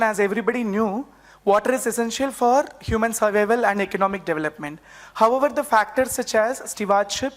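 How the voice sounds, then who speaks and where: A woman's voice: fairly high pitch, in a large hall. A young woman with an Indian accent presents at a conference, her voice affected by a sore, swollen throat. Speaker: PhD researcher presenting a paper.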